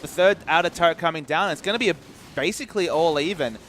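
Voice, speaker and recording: A man commentating an esports match, analytical and measured in his play-by-play. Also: on the high side, fairly bright tone, a little hiss or hum.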